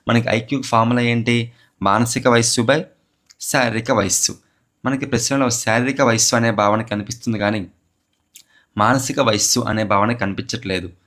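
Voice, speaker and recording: Speaking at a moderate pace with a steady tone, a man with a medium-pitched, fairly bright voice gives an exam question walkthrough lecture on psychology for a teacher exam. He answers the questions he raises himself and repeats key terms for emphasis.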